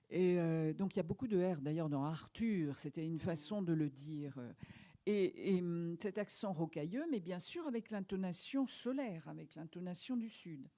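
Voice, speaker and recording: A woman's voice: on the low side, warm tone. A French woman author talking at length in a conversational interview, thoughtful, with many small restarts. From France. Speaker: author guest. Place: media library talk.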